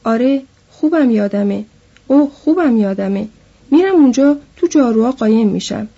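A woman voicing a slow, childlike big man who pleads plaintively, in a dull lo-fi recording. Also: on the high side, lively intonation, dark tone, husky. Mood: anxious. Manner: plaintive, simple.

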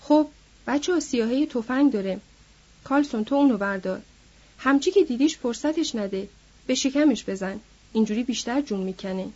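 A woman voicing a hot-headed, vengeful young man who issues angry threats, in a husky voice. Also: fairly high pitch, lively intonation. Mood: cold commanding. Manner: shouting, furious threats. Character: hot-headed young male ranch boss's son, vengeful. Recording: dull lo-fi recording.

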